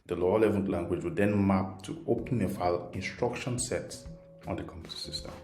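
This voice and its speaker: Speaking low and fairly quick, a Yoruba-speaking man with a Nigerian accent leads an informal programming tutorial, patiently keeping things simple and checking in with "right?" again and again. Faint music plays under a roomy, echoing sound.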